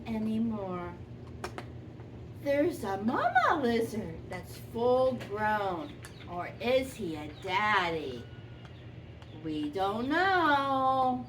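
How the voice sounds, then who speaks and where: A woman voicing a sweet, gentle old granny who tells a children's story expressively, lingering on and repeating words. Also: a little high. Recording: distant microphone, faint background noise.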